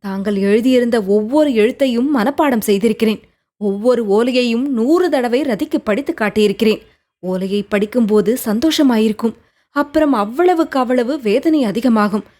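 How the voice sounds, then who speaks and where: A woman's voice: fairly high pitch, normal speed, dark tone, close to an everyday voice. A woman voicing a lovelorn young woman who speaks of her sorrow in a plaintive, earnest way in an audiobook. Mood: wistful. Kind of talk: audiobook character reading.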